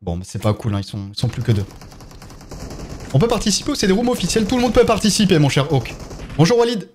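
A young man with a French accent talks through a live game stream, reading out viewer chat and answering it between rounds. His voice sits a little high and swings up and down with a lot of life. Faint gunfire from the game runs underneath. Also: big pitch swings, fast talker, darkish tone, a little hiss or hum. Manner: chatty, reads and answers viewer chat while playing.

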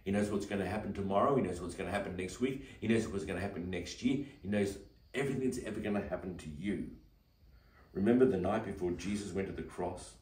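A male pastor delivers a short devotional talk in an earnest, emphatic storytelling manner. His voice sits low. The room is echoey and the mic is set some way off. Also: fast talker, darkish tone. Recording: roomy, mic at a distance.

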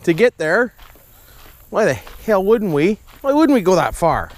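Speaking at a measured pace in a high, sing-song voice, this man vlogs casually to camera at a campground with a trail and lake, his rural Ontario Canadian accent full of folksy, repetitive slangy tag questions. The recording is dry, though the handheld action camera picks up windy, noisy outdoor sound.

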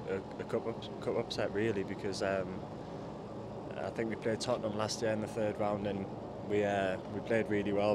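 A man talking as a footballer in an interview outdoors, halting and repeating words. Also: on the low side, noisy background.

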